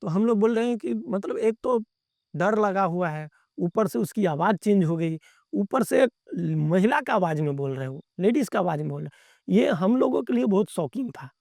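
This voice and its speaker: A man with a high-pitched voice recounts an experience of his own as a podcast guest. He talks in a plain, chatty way and keeps circling back to repeat his phrases. The sound is dry and close, with no room echo. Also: lively intonation, moderate pace, gravelly, darkish tone. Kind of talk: casual first-person storytelling.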